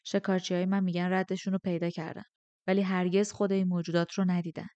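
A woman voicing a powerful, commanding man who speaks quietly and with control in an audiobook. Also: on the low side, little pitch movement, no echo, highs cut off, close to an everyday voice. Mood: calm.

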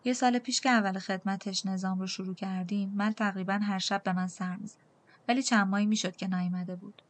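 A woman narrating a novel in the first person, with a calm and measured reading style. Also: medium pitch. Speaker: audiobook narrator.

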